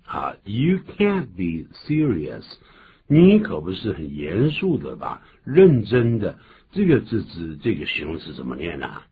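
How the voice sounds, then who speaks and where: 低沉而抑扬顿挫的男英语老师. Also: male voice, unhurried, narrow, tinny audio, a little hiss or hum. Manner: animated, jumps to high emphatic pitch on key words. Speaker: English teacher, host. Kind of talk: radio English lesson.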